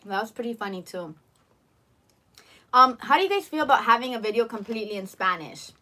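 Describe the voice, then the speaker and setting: A woman's voice: on the high side, lively intonation, a little fast, sharp tone. A young woman co-hosting a live lunch stream, bubbly and talking straight to her viewers between bites. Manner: bubbly, addresses viewers directly. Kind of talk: casual chat while eating. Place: at home over lunch.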